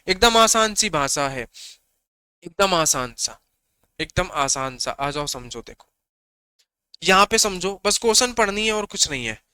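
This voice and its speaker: A man's voice: high-pitched, pushed and bright, clear, resonant tone, dry recording. A young adult man teaching an exam-prep reasoning lesson. He asks questions and answers them himself, repeats key points and keeps coaxing the class along. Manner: repetitive, asks and answers his own questions.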